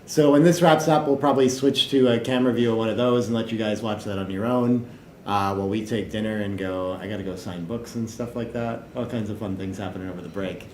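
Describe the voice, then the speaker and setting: A man's voice: on the low side, steady tone, fast. Chatty man commentating in an echoey room. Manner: joking, chatty, trails off quietly. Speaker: tournament stream commentator. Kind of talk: casual live-stream commentary. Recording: echoey room with some background noise.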